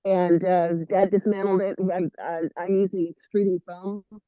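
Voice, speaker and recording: A man's voice: high-pitched, little pitch movement, normal speed, no room sound. A man chatting eagerly on a video call, rambling with many restarts while his stream turns muffled. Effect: muffled, dropping video call stream. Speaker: fairy event organizer on a video call. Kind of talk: casual video call chat. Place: rural home. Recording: muffled, dull, dry call audio.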